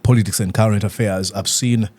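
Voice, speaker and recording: A young man from Uganda, an author answering interview questions in an earnest, halting way with many fillers and restarts. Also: fairly low pitch, fairly even intonation, a little mellow.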